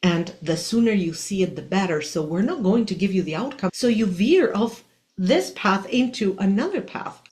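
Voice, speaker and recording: Here a woman in her sixties with an Argentine Spanish accent talks at a moderate pace in an expressive mid-range voice with a darkish tone. As a spiritual teacher and coach hosting a podcast, she gives a reflective motivational monologue, earnest, emphatic and full of rhetorical questions.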